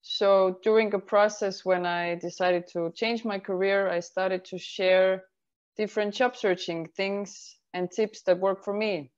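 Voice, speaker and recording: A woman career advisor answers interview questions. She explains things calmly and step by step. Her mid-pitched voice comes through a slightly muffled call line. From Estonia. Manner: measured, explaining in steps.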